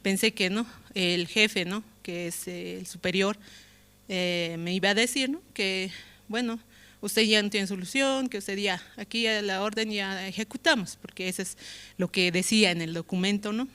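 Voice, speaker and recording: A woman's voice: medium pitch, fairly even intonation, normal speed, bright, forceful tone, clear, resonant tone. Hesitant Bolivian woman giving testimony. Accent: Bolivian Spanish. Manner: emotional, hesitant, frequent "¿no?" tags. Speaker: church member giving testimony. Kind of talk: spoken testimony.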